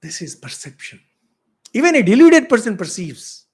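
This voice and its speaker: A middle-aged Indian man with an Indian English accent, a monk giving a spiritual lecture, asking rhetorical questions with big swings in loudness. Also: sits high, sing-song, moderate pace. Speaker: monk teaching spiritual philosophy.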